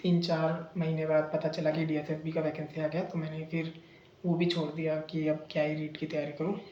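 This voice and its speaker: A man's voice: on the high side, monotone, brisk, a little mellow, reverberant, lo-fi sound, slight background noise. A young man in casual vlog storytelling, retelling a bad experience in a chatty, indignant way, full of fillers and restarts. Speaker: vlogger recounting a bad coaching experience.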